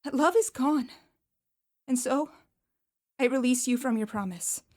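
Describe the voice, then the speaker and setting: A woman's voice: sits high, measured pace, darkish tone. A woman playing Belle, a young woman sorrowfully but firmly ending her engagement in a radio play. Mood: resolute. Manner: firm, sorrowful, clear.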